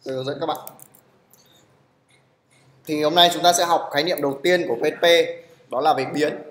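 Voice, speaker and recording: A man's voice: fairly high pitch, steady tone, fairly quick, fairly bright tone, echoey room. A man teaching a live programming class in a classroom, checking in with his students again and again. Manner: keeps asking "được chưa?" to check on students. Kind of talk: live classroom coding lesson.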